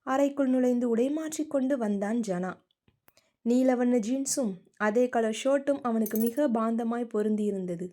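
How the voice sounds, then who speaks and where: A woman narrating a romance novel in a steady, expressive reading. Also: a little high, normal speed. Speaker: audiobook narrator.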